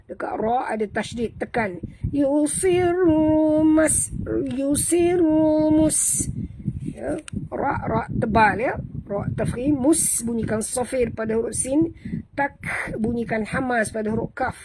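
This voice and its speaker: Slow, methodical Malaysian woman teacher. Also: fairly high pitch, background noise. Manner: methodical, correcting pronunciation, chants verses in slow drawn-out tones. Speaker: Quran recitation teacher. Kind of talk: tajweed lesson.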